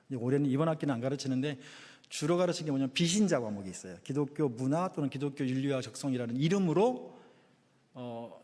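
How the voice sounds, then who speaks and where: A man's voice: fairly high pitch, a little mellow. A middle-aged man preaching a sermon in a chatty, self-deprecating way with touches of humor. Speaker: guest pastor. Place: church sanctuary. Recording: long church reverb.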